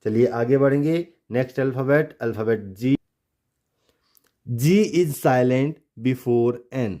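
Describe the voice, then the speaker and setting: A man's voice: mid-range voice, slow, dark tone. A man teaching pronunciation step by step. He spells words out letter by letter and asks questions that he then answers himself. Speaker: English teacher.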